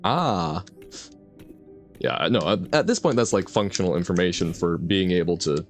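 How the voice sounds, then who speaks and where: Low-pitched and expressive at a moderate pace, this streamer talks to his chat while playing, reading their messages, drifting into reflective tangents and often laughing. Music plays faintly underneath.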